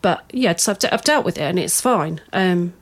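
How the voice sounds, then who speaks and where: A woman speaking as a podcast guest in a lowish voice. She talks in a measured, open way, with frequent "um"s. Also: animated. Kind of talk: casual chat.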